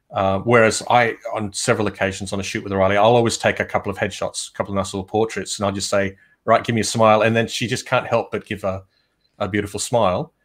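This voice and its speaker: Deep-ish guy on a video call, chill chat about photo shoots, lots of ums. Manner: relaxed storytelling with fillers. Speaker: photographer guest. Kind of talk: casual chat on a livestream.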